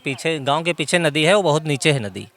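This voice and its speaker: A man's voice: on the high side, lively intonation, a little fast, fairly bright tone. Articulate village man explaining local issues. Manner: informed, explains in detail. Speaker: villager interviewee. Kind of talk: outdoor interview. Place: outdoors in a village.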